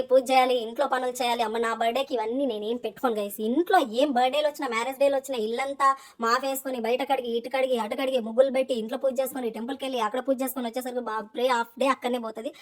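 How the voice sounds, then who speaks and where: A young woman with a Telangana Telugu accent narrates a family story in a chatty vlog voice-over, slipping English words in as she goes. Her voice sits high, and she races through her sentences at a very quick clip. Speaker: vlogger.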